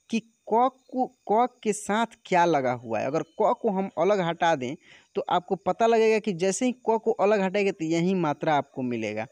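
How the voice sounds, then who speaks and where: A man teaching a lesson, patiently explaining and then reciting syllables one by one, saying one softly and the next with force. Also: high voice, dry recording. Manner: patient, repeats syllables with alternating soft and forceful stress.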